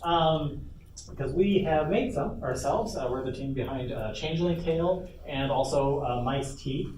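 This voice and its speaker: Speaking at a normal pace in a slightly high voice, a man who is a lead game developer gives a loose, unscripted panel talk with side comments. The indoor convention room is echoey, the mic sits far away, and background noise is loud.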